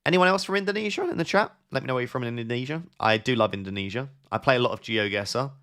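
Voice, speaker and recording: A young man hosting a casual live stream, reading viewers' messages aloud and thinking out loud with quick, offhand advice. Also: mid-range voice. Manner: thinks aloud with fillers and restarts. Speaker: live-stream host answering chat.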